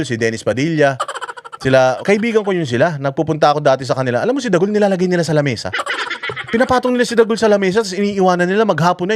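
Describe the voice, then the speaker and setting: A man's voice: a little high, background noise. A man hosting a casual commentary stream, crude and mocking, joking his way through stories. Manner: crude, mocking, jokey, switches into voices for anecdotes. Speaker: host of a political commentary livestream.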